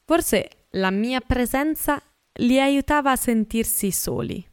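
Smooth-voiced woman narrating an audiobook. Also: high voice, no room sound, studio quality. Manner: measured, expressive reading.

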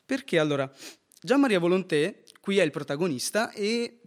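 An earnest man co-hosting a casual film review, laying out his points and checking in with the listener as he goes. His voice sits a little high for a man. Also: animated, normal speed. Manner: earnest, with tag questions.

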